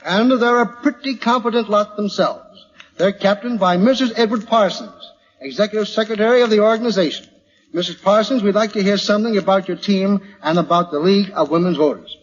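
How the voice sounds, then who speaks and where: A man's voice: sits high, brisk. A man with an American accent hosting a 1940s radio quiz in a jovial, chatty manner. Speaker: quiz show host. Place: large hall at a live radio broadcast. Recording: dull old radio recording, hall reverb, hiss.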